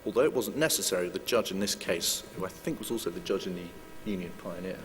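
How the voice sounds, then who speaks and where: Low-voiced guy doing a legal talk at a conference, lots of uhs, echoey hall, bit of hum. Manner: measured, hedging with frequent "uh" fillers. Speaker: lawyer giving a conference talk. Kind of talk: formal legal presentation. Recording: long hall reverb with faint hum.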